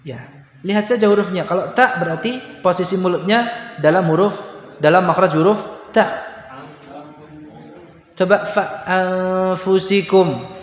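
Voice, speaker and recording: A man's voice: high voice, normal speed. A man teaching Quran recitation to students, explaining patiently and chanting examples aloud. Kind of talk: religious lesson to students. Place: large room in a school. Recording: echoey hall, faint background noise.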